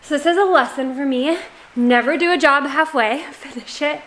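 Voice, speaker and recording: Chatty woman vlogger with a high voice, talking casually to camera. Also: normal speed, fairly bright tone. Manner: chatty, rambling, sighs. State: out of breath. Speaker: gardening vlogger. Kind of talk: casual vlog talk to camera. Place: garage, storm outside.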